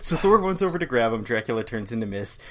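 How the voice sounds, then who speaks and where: A man's voice: medium pitch, big pitch swings, quick pace, a bit bright. A man co-hosting a podcast, eagerly recapping comic book plots in casual chat. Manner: recaps plot eagerly, acts out quotes. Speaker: podcast co-host.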